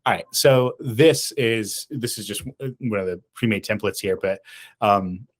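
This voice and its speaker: A man's voice: fairly low pitch, measured pace. A man co-hosting a casual podcast about advertising, rambling with many restarts and fillers. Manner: rambling, many restarts and ums, laughs at himself. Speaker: podcast co-host.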